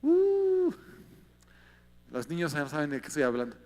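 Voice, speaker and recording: A man with a Mexican accent preaches a sermon as a pastor in a large hall, his mid-range voice very fast and smooth. He keeps it conversational, often putting rhetorical questions to his listeners.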